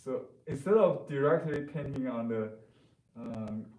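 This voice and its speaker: A man who speaks natively gives an informal painting lesson. His delivery is slow and hesitant, with frequent searching for the right word. The room adds clear echo and he sounds a little distant from the microphone. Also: mid-range voice, a little mellow, a little hiss or hum. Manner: halting, hesitant, searching for words. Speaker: painting teacher. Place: classroom, indoors. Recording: roomy echo, voice off the mic.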